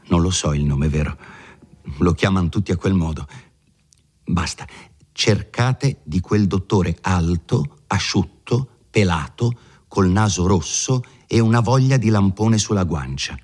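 A man's voice: sits low, a little mellow. A man reading the part of an older village mother, anxious and practical, giving homely, chatty advice full of folk sayings, in an audiobook of a classic novel.

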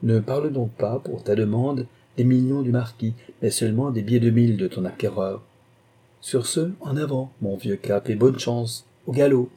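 A man's voice: mid-range voice, moderate pace, dark tone, husky, close to an everyday voice. A man voicing a scheming, sly wife in an audiobook, reading her letter in a wheedling, mocking tone.

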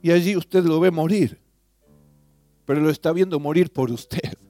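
A man with a high voice leads a devotional meditation, speaking straight to the listener in earnest questions. He swells louder on key words and drops to a hush at the end of phrases, while a guitar plays faintly underneath. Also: normal speed, dry recording. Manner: swells loud on key phrases, drops soft at line ends. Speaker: preacher. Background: soft guitar music.

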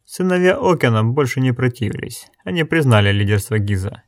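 A man's voice: mid-range voice, lively intonation, fairly quick, no echo, clean studio sound. A man narrating an audiobook in a tense, dramatic style. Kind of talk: scripted narration.

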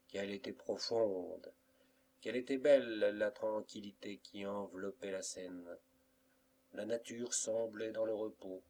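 A man reading a classic novel aloud as an audiobook, in a measured literary way. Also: on the low side, darkish tone. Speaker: audiobook reader. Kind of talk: scripted narration of a classic novel.

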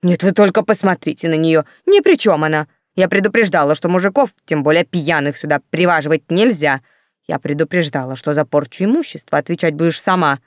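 Storybook figure: a stout, furious middle-aged woman warden, read by a woman, loud and scolding, dry. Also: low voice, fairly quick, no echo, natural voice. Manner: bellowing, scolding, repeating accusations.

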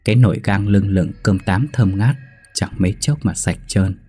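A man narrating a horror story in a measured, suspenseful way. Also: fairly low pitch, husky. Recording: soft background music.

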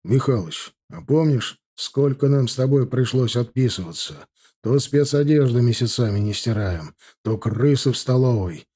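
A man's voice: medium pitch, animated, moderate pace, mellow, slightly rough. A man voicing a concerned, thoughtful union chairman in an audiobook. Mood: scheming.

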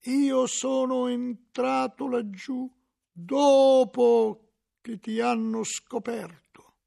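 A man doing a cold, slow-spoken monk librarian. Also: very high-pitched, little pitch movement, vocal fry, voice pushed up, full character voice. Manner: very slow, drawn-out, hushed. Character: cold secretive male monk librarian, quiet.

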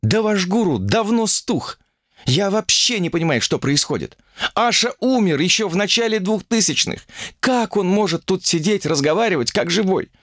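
Man doing a shrill fed-up young woman, squeaky high voice, all over the place. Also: expressive, normal speed, a bit bright, no room sound, studio quality. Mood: exasperated. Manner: shrill, exasperated protesting. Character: indignant young woman graduate student. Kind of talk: audiobook character reading.

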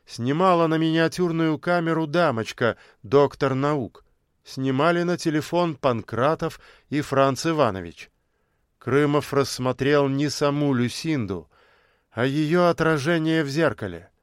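A man narrating an audiobook in a steady, measured storytelling manner. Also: a little high, clean tone, no room sound, studio quality.

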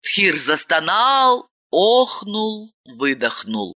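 A woman narrating a story in an expressive, dramatic reading. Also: on the low side, drawn-out words. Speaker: audiobook narrator. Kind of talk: scripted narration.

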